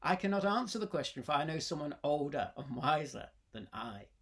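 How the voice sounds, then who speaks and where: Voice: medium pitch, lively intonation, a little fast, creaky. A storyteller voicing a wise, grey-bearded old Irish sage who humbly defers to elders in an oral legend. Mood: humble, solemn.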